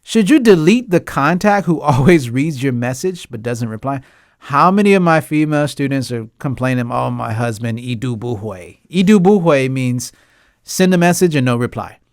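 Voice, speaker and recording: A man's voice: on the high side, animated, normal speed, no room sound, clean studio sound. A man hosting a casual talk about a TV drama, ranting emphatically with lots of repetition and frequent laughs. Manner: laughs often. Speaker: host; English teacher.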